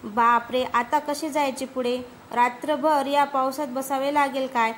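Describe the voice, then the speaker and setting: Woman reading a scared guy, hesitant anxious questions, high voice. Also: steady tone, unhurried, a bit bright, a little hiss or hum. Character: nervous man, a driver caught in a trap. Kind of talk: storybook reading.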